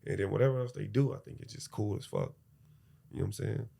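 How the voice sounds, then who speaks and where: Low gravelly man, laid-back. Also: lively intonation, quick pace, mellow. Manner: laid-back slang, teasing. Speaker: podcast guest. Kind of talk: casual podcast chat.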